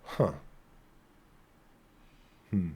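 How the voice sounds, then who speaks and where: A man co-hosting a casual podcast chat, swearing often and joking in a relaxed way. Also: drawn-out words. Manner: profane, joking, laid-back. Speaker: podcast co-host.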